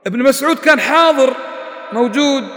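A man's voice: extremely high pitch, brisk, a bit bright. A man giving a religious lesson to a class, quizzing his listeners with emphatic rhetorical questions. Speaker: religious teacher. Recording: echoey hall reverb.

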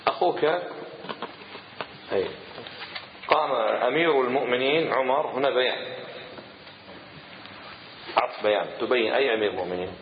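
A man gives a grammar lesson and patiently recites word lists in a steady, measured rhythm. His voice sits at an ordinary middle pitch. It carries a long echo through a lecture room on a dull, lo-fi recording with a faint hiss underneath. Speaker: grammar teacher. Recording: echoey hall, dull lo-fi sound.

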